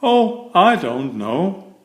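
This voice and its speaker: A man's voice: sits high, sing-song, drawn-out words, fairly bright tone, voice pushed up, full character voice. A man voicing a cheerful, carefree, messy and clumsy storybook man, with a breezy, casual manner. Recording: echoey room.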